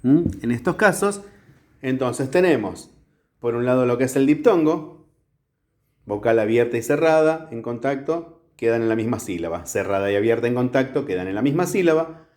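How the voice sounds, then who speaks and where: A man teaches a grammar lesson in a classroom, filmed by a camera across the room. His voice sits at a middle pitch but moves up and down with a lot of life. He explains each step patiently and keeps checking that the class is following. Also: expressive, normal speed, a little mellow. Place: classroom with a whiteboard.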